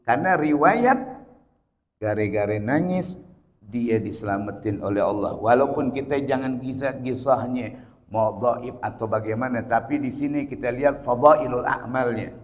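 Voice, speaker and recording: A man preaching a casual sermon lesson, moving between chanted Arabic and joking everyday slang, from loud to soft. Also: mid-range voice. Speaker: Islamic preacher teaching tafsir. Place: large prayer hall. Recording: dull lo-fi audio in a long-echo hall.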